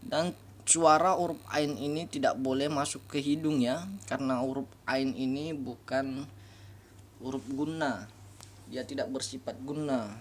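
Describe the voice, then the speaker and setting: Male reading tutor, unhurried, repeats each sound, slight background noise. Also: mid-range voice, steady tone. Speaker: Quran reading teacher. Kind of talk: slow step-by-step recitation lesson.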